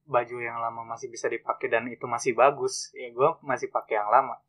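A young man speaks calmly among friends. He lays out his view plainly and steadily. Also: medium pitch, brisk, slightly rough. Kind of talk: casual chat among friends.

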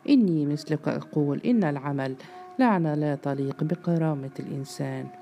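A man's voice: on the high side, warm tone, faint music behind, lightly acted. A man voicing a sly male neighbor who taunts with mock seriousness, in a storybook reading. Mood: taunting. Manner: mocking, feigned seriousness, quick.

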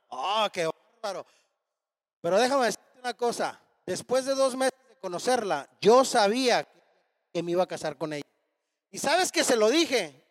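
A man in his thirties preaches a storytelling sermon, animatedly acting out each bit of dialogue. His voice sits very high for a man. A long hall reverb trails behind every phrase. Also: a bit bright. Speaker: pastor.

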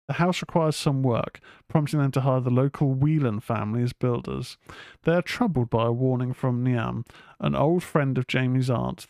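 Brief: casual podcast host, gravelly and dry, swears a lot. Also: male voice, mid-range voice, darkish tone, dry recording. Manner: chatty, rambling, swears freely, many fillers. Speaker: film review podcast host. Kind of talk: casual film review chat.

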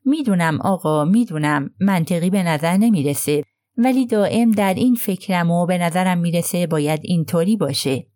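Halting, apologetic young working man read by a woman, low and warm, dry close sound. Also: dry recording, natural voice. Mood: earnest. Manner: halting, apologetic, groping for words. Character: young male country mechanic, plain and earnest.

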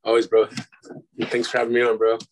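A Milwaukee, Wisconsin man in his twenties, a dubstep producer, chats easily as an interview guest in a mid-range, monotone voice at a brisk clip. He's laid-back, full of casual slang, says "bro," and laughs loosely between phrases. The audio is poor, with slight background noise.

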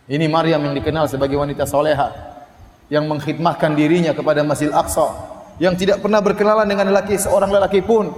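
A man preaching a sermon, telling a story in a lively way, acting out the voices of the people in it and chanting Arabic verses slowly. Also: on the high side. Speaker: Islamic preacher. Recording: echoey hall reverb.

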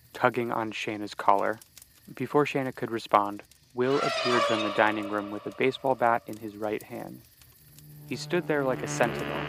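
A man reading a scripted horror story in a steady, measured storytelling way. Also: lowish voice, background noise. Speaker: narrator.

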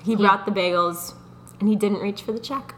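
A young woman co-hosting a podcast, telling a dating story in a casual, animated way, often laughing and mocking herself. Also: medium pitch, a little fast, slight background noise. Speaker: podcast co-host.

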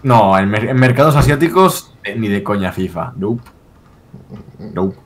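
A man's voice: lowish voice, animated, slight background noise. A man from Spain co-hosting a casual chat, joking and swearing as he talks. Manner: profane, joking, quick to mock. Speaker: podcast co-host.

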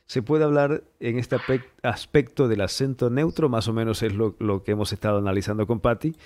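A man's voice: medium pitch, fairly even intonation, fairly quick, darkish tone. A man from Ecuador, hosting a podcast in a conversational tone and reading out listener comments. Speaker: podcast host. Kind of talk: casual interview talk.

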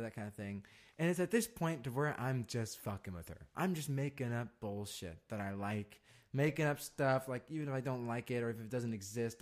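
A young adult man co-hosting a podcast, telling a long story in a loose, profane way full of fillers. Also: medium pitch. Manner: laid-back, profane, rambling with fillers. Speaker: podcast co-host. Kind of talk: casual storytelling chat.

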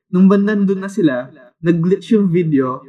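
A young man from the Philippines, co-hosting a casual chat and telling stories in a lively way with many fillers. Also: high voice, normal speed. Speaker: podcast co-host. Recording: dull lo-fi echoey sound.

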